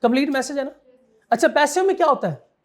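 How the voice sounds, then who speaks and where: A man's voice: very high-pitched, expressive, fast, a bit bright. A man giving a classroom law lecture, quizzing students and repeating his key points.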